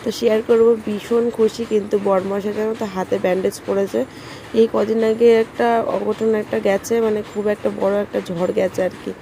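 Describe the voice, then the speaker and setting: Soft-spoken homemaker vlogging. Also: female voice, medium pitch, steady tone, brisk, slight background noise. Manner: talks softly in a hushed voice; chatty, runs through daily chores. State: hot and sweaty. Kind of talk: casual chatty vlog narration. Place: rented village home, indoors and outdoors.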